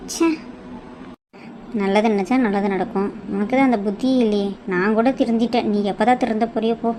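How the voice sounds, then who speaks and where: A woman voicing a sharp-tongued younger sister in a cartoon, mocking and scolding. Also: mid-range voice, fairly even intonation, fairly quick, noisy background, lightly acted. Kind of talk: cartoon voice acting.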